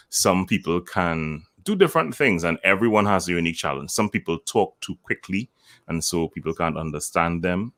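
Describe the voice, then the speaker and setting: A man who works as a voice coach, explaining his methods as an interview guest in a measured way and demonstrating lines with deliberate intonation. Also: low voice, fairly bright tone. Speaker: voice communication coach.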